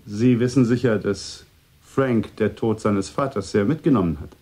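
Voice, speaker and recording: In a radio drama, an actor voices a calm man who asks polite but searching questions. His delivery is measured, and his fairly low voice sounds mellow with a slight huskiness.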